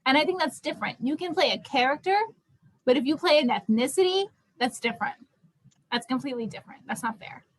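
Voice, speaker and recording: Fast-talking and animated, this young woman has a high, husky voice on a rough recording. She runs a relaxed discussion for a student theatre group, hammering her points home by repeating them in an emphatic, conversational style.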